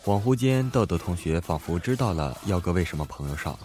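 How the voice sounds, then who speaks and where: A man telling comic stories in a lively way, voicing the people in them. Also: low-pitched, fast talker, background noise. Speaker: joke narrator. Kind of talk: comic storytelling of jokes. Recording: faint music behind the voice.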